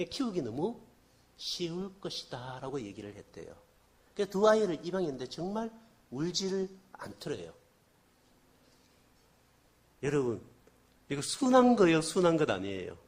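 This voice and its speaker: A man preaching a sermon as a guest revival speaker, telling a story and asking the congregation questions, with a slight cold. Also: fairly high pitch. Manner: animated, asks the congregation questions.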